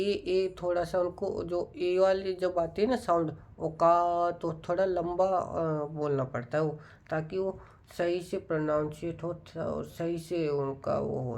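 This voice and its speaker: A man talking casually to viewers in a study vlog, explaining things in an unhurried, musing way. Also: a little high, gravelly. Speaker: student vlogger.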